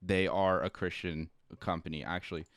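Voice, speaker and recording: A man's voice: low voice, steady tone, moderate pace, a bit bright, no echo, clean studio sound. A young man co-hosting a casual podcast, blunt and exasperated, swearing often. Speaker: podcast co-host. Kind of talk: casual chat.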